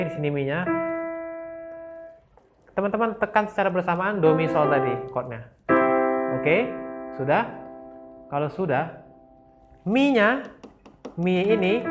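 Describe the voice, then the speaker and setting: A man from Palembang with a Palembang Indonesian accent, teaching a casual beginner piano lesson and patiently checking in with "oke?" after each step. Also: a little high. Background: piano keyboard notes.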